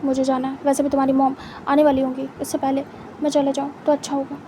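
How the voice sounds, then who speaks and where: A woman's voice: high-pitched, monotone, fast talker, noisy background, natural voice. A woman voicing a young man in a spoken story, a cold, irritated lover who speaks curtly. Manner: curt, irritated.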